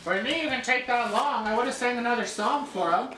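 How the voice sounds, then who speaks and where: A woman voicing a playful, stubborn young kid puppet who teases and argues slowly. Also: a little high, bright, forceful tone. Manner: slow, teasing, argumentative. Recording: roomy, distant mic, faint noise.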